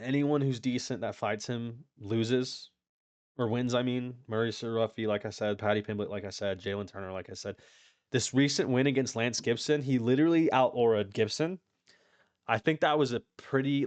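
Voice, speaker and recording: A man with a mid-range voice and no room sound talks about fighters as a YouTube MMA commentator. His commentary is casual and opinionated, rambling along with plenty of cursing and repeated restarts.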